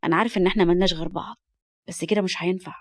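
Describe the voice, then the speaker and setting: A woman voicing a firm, protective young man in a lowered voice, with an Egyptian accent. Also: fairly even intonation, racing, close to an everyday voice. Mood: stern tender. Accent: Egyptian Arabic.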